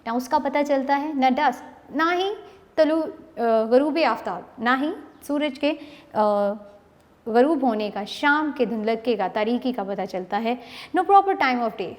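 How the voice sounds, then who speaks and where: Slow, high-voiced Pakistani woman teaching English. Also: in a large hall. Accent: Pakistani Urdu. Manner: slow explanatory delivery, switching between English lines and Urdu paraphrase. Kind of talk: online lecture explaining a poem line by line.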